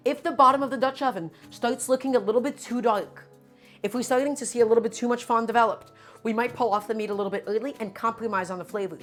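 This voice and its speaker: A woman whose first language is Russian hosts a live cooking stream from her home kitchen, speaking fast in a slightly high voice with faint music behind her. She walks through each step in a chatty, instructive way and often says "my friends."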